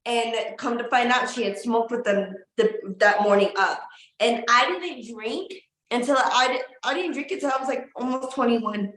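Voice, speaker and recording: A chatty woman with a high voice tells stories with plenty of emphasis. The room around her is echoey and live. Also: normal speed, a bit bright. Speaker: co-host. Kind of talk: casual chat.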